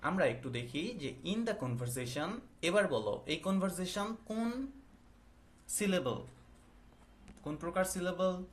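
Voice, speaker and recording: Male teacher, slightly higher voice, patient classroom questioning, faint noise behind. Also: expressive. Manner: explains slowly, asks the class questions. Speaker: English teacher. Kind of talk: classroom lesson.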